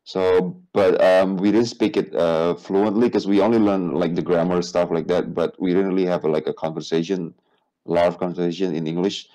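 An Indonesian man in his thirties, a guest speaking English with many fillers, relaxed and hesitant, on a video call from an office. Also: low-pitched, moderate pace, rough recording. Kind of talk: casual interview chat. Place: office with whiteboard. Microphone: earphone headset on video call.

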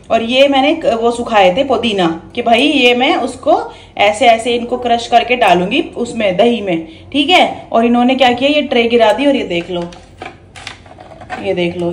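Chatty woman in an echoey room. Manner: chatty, scolds the pets loudly in a high voice. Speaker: vlogger. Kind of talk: casual home vlog chat. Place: at home.

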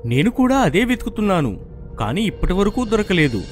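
A woman's voice: medium pitch, very animated, fairly quick, faint music behind, pitched below the performer's own voice, close to an everyday voice. A woman doing a sinister ghost boy. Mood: eerie. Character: ghostly boy haunting a dark metro.

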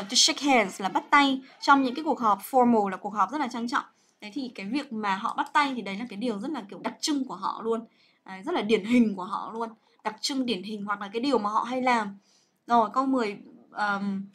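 A woman's voice: fairly high pitch, a little fast, fairly bright tone. Chatty woman teaching English. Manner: chatty, coaxing, full of fillers and checks like "right?". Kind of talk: livestreamed grammar lesson.

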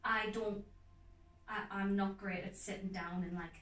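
A young woman actor talking earnestly and enthusiastically in a casual interview, in quick runs of speech. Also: mid-range voice, fairly even intonation, fairly bright tone, recorded from a distance. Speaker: guest actor. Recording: roomy echo, off-mic, faint music behind.

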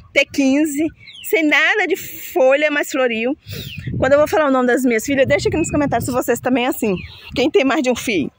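Female vlogger with a higher voice and a chatty, self-mocking, casual delivery, among potted plants with faint birdsong behind her. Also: slight background noise. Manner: chatty, self-mocking about pronouncing names. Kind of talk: casual chat to viewers.

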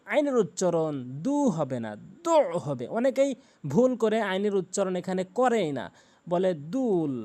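A man with a Bangladeshi Bengali accent teaching Quran recitation, explaining pronunciation rules and chanting verses slowly and melodically. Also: high-pitched, a little mellow. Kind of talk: tajweed lesson with recitation.

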